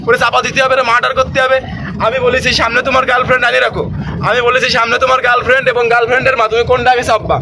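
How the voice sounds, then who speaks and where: This man's voice sits at an extremely high pitch over background noise. He's playing a driving instructor in a moving car for a comedy skit, scolding bossily and saying his instructions again and again.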